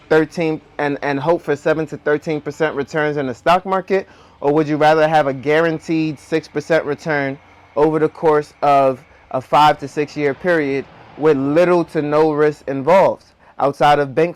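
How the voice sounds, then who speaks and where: A man speaking with dental braces that slightly impede his articulation, explaining things to viewers as a video host. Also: a little high. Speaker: host of a personal finance video.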